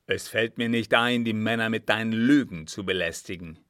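A proud desert sheik barks his words, loud, harsh and threatening, as a male storyteller puts him on. The voice sits low and the sound is close and dry. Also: normal speed, no room sound, lightly acted. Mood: angry, scornful.

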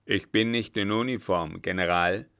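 A man's voice: low voice, moderate pace, vocal fry, fairly bright tone, no room sound, clean studio sound. A man voicing an ambitious male army captain who speaks formally and deferentially to his superior.

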